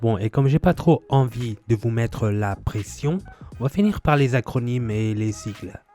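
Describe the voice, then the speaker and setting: Mellow-voiced sardonic man. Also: mid-range voice, moderate pace, faint music behind. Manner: exasperated, sardonic, mocks pronunciations. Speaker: vlogger. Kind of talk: scripted comedic commentary.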